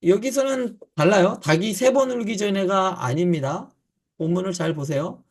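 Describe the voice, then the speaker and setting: A male pastor giving a Bible teaching to church leaders, often asking questions and then answering them himself, with frequent pauses and fillers. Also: sits high.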